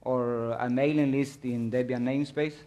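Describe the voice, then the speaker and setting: Walking listeners through his slides at a technical conference, a man speaks in a mellow, mid-range male voice with fairly even intonation. He often pauses and restarts, searching for the right words, which makes his delivery halting.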